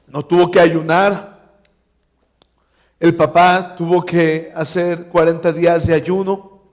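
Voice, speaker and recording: Slow-speaking preacher man. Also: fairly high pitch, level tone. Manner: storytelling, acting out dialogue with humor. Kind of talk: sermon. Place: church.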